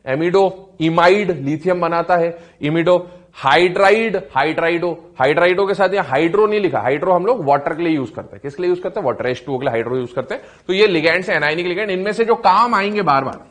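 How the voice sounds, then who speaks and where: A man's voice: on the high side, quick pace. A male teacher giving a chemistry lecture, asking questions and answering them himself, repeating key terms and calling his students "beta". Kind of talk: classroom lecture.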